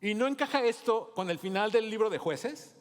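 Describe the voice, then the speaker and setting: A man preaches a sermon, his voice sitting a little high for a man. He leans into key words with rising emphasis and calls out to the congregation. The sound rings with the long reverb of a church hall. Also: lively intonation, moderate pace. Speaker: pastor.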